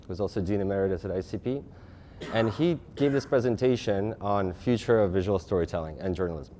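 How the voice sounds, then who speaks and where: Man, 30s, from Russia, lecture, lowish voice, fast with restarts and fillers. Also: darkish tone, slight background noise. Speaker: guest speaker. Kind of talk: lecture presentation.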